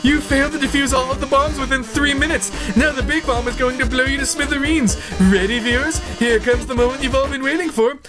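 A woman's voice: high-pitched, music in the background, pitched above the performer's own voice, lightly acted. A woman voicing a flamboyant, theatrical male robot TV host who gloats and drawls "darling". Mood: gloating. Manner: hammy, gloating, drawn-out "darling".

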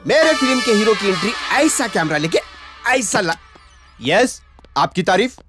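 An actor with a Hyderabadi accent playing a scheming, sarcastic small-time film director who flatters and bosses people. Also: male voice, sits high, measured pace. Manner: wheedling, sarcastic, excitable. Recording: film soundtrack with loud background music.

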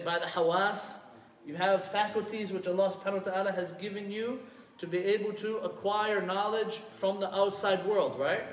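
A man teaching a religious lesson to a class, quizzing his students often and reciting Arabic verses quickly. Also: high voice, a little hiss or hum. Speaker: Islamic teacher. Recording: echoey hall from far off.

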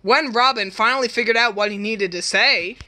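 A woman's voice: a little high, fairly quick, sharp tone. A woman performing every part of a homemade comedy parody, rambling and making self-conscious asides about her own stuttering. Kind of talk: casual comedic narration.

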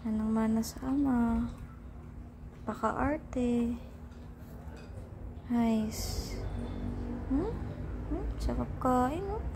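A woman's voice: on the high side, extremely slow, long pauses. A woman filming her pet and talking to it in coaxing, teasing baby talk. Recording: noisy background.

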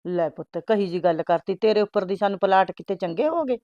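An older woman acting a gentle, affectionate mother-in-law in a family drama. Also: mid-range voice, fairly quick, no room sound, highs cut off. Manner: soft, affectionate.

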